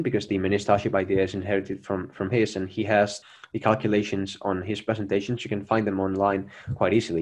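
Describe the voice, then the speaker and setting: A man's voice: on the low side, a little mellow. A young man presenting his own plan over a video call, answering questions earnestly with many fillers and restarts. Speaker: presenter of a Mars mission plan. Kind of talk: conference Q&A answers.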